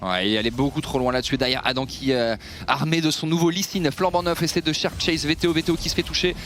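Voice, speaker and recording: A man's voice: fairly high pitch, steady tone, fast talker, fairly bright tone, slight background noise. A man giving analytical esports commentary, breaking down team fights and replays.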